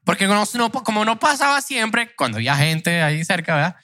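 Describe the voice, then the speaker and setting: A man's voice: sits high, big pitch swings, a little fast, bright, forceful tone. A young man, co-hosting a podcast in crude, joking banter and acting out the voices of people he describes. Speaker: podcast co-host.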